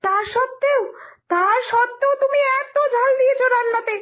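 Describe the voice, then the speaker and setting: A woman plays an angry young sister-in-law in a cartoon story, shrill and accusing, close to tears. Her voice is very high. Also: a little fast, a bit bright.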